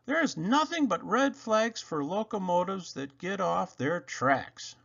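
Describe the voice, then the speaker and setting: A man's voice: high-pitched, animated, measured pace, creaky, a bit bright, lo-fi sound, pitched above the performer's own voice, exaggerated voice. A man voicing a young, playful, easily frustrated train engine from a children's storybook, earnest and exclaiming. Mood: relieved. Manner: exclaiming, earnest, wide-eyed.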